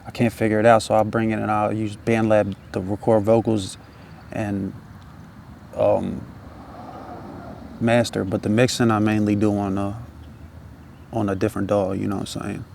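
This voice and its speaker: With long pauses and a moderate pace, a man with a fairly low, gravelly, darkish voice and little pitch variation talks casually. He's an independent music artist rambling in a laid-back stoner drawl, swearing, using slang, and repeating tag phrases; slight background noise is present.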